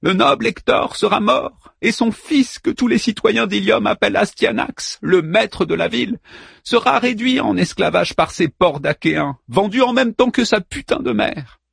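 A man voicing a desperate young princess who pleads with her warrior husband in a high, strained voice. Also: very animated, normal speed, vocal fry, husky, dry recording, studio quality, full character voice. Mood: bitter. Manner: pleading then fierce and bitter.

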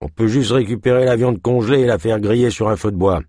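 A man voicing a burly, grumpy male trapper who talks in a gruff grumble, in an audiobook. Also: fairly low pitch, quick pace, warm tone, no echo, clean studio sound, lightly acted. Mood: grumbling. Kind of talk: audiobook narration.

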